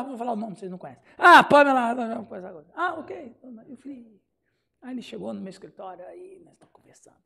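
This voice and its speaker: A man's voice: very high-pitched, gravelly, slightly rough. A man with a Brazilian Portuguese accent, a pastor giving a Bible study sermon, telling stories and acting out the dialogue with laughs. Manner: animated storyteller who acts out dialogue and laughs often.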